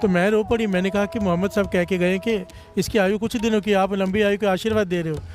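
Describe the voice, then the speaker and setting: High-voiced man preaching over music. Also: fairly even intonation, fast talker. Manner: fervent, repeatedly prompts the congregation to respond; slips into sung phrases. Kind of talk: devotional sermon with call-and-response.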